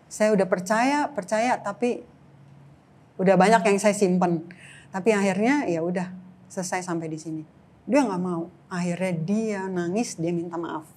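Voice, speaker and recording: A middle-aged woman giving an emotional personal testimony in an interview, telling her story with animated acted-out dialogue. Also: mid-range voice, normal speed.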